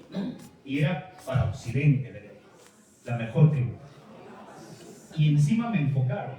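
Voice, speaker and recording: A man's voice: on the high side, a little mellow, distant mic. A man with a Peruvian Spanish accent preaching a sermon, telling a personal story in a chatty way, with laughs and asides to the congregation. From Peru. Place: large church hall. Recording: very echoey hall, voice from off-mic.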